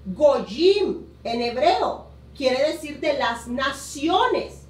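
A middle-aged woman from Honduras, a pastor, preaching a sermon with emphatic, drawn-out key words from a room at home on a webcam. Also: high voice, big pitch swings. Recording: roomy echo, voice a bit distant.

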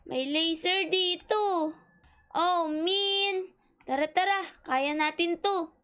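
A woman's voice: very high voice, slow pace. A woman, cheerfully commenting while playing a game with friends. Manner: excitable, cheery, giggly. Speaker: gaming channel host.

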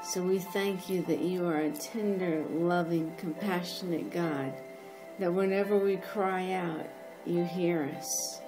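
Female podcast host leading prayer; slow fervent delivery, lowish voice, music bed. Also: steady tone. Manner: slow, fervent, repeating thanks. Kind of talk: spoken prayer. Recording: music playing behind.

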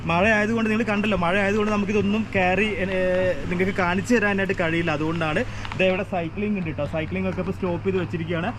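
Male travel vlogger, rapid casual delivery, enthusiastic, Malayalam-English mix, noisy outdoor park recording. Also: fairly even intonation. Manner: mixes English words into Malayalam speech; enthusiastic, urging viewers to visit. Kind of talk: casual promotional vlog chat to viewers. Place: outdoor adventure park in the rain. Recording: noisy outdoor ambience with traffic-like rumble.

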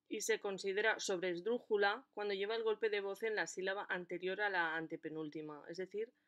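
A woman explaining a lesson in a clear, deliberate way, stressing the syllables of her examples. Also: mid-range voice, fairly bright tone, lo-fi sound. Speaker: language teacher.

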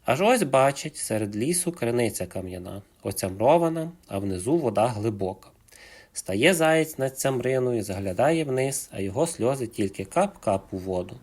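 A man narrating a folk fairy tale for children in an expressive storytelling manner. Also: mid-range voice, moderate pace, husky.

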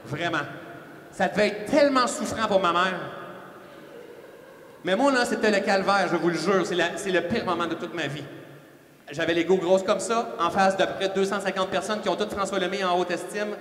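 A fast-talking, animated man with a Québécois accent, telling a self-mocking story as a motivational speaker in a large church hall. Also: sits high, a little hiss or hum. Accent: Québécois French. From Quebec. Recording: echoey reverberant church hall.

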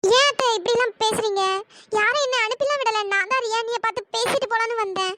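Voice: very high-pitched, fast, very noisy. A performer voicing a polite, apologetic young woman in a cartoon, pleading to be heard. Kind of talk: pitched-up cartoon voice acting.

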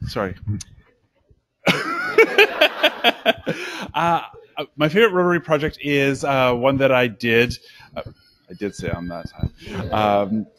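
A man giving a halting impromptu speech at a club meeting, full of fillers and nervous giggles. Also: medium pitch, a bit bright. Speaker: club member answering a question. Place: cafe meeting room.

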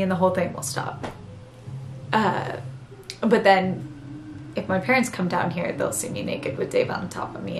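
A young woman acting a dramatic monologue as an embarrassed, sorrowful woman confessing something painful, halting and self-conscious. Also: medium pitch. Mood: anxious, ashamed. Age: young adult. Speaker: actor performing a monologue. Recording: roomy echo, clear background noise.

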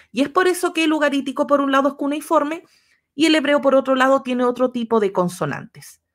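A woman giving a history lecture on a livestream, patiently walking viewers through slides one step at a time. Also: medium pitch.

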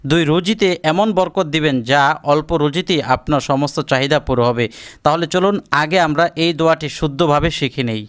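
A man's voice: on the high side, fairly bright tone, clear, resonant tone. A man giving a religious lesson, explaining prayers and their pronunciation step by step for viewers to follow. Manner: drawn-out Arabic recitation for learners to repeat. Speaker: Islamic teacher.

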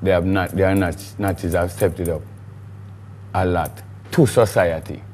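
A man's voice: sits low, fairly even intonation, unhurried, a little mellow, slight background noise. A middle-aged man with a Jamaican accent, a guest in a studio interview, talking in a rambling, emphatic way with patois phrasing. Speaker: guest, recording artiste.

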